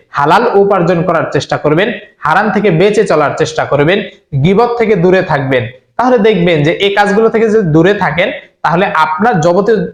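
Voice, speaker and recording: A man preaching with earnest, repetitive instruction, speaking straight to the listener. His voice sits a little high, and the room around him rings with echo. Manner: slow chanted Arabic recitation. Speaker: Islamic preacher. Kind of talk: religious instruction video.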